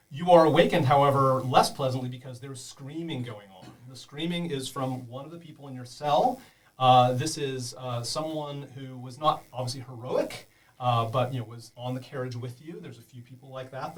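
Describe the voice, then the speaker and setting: A man's voice: medium pitch, recorded from a distance. A man narrating a tabletop game as game master, explaining rules to beginners in a chatty way with many fillers.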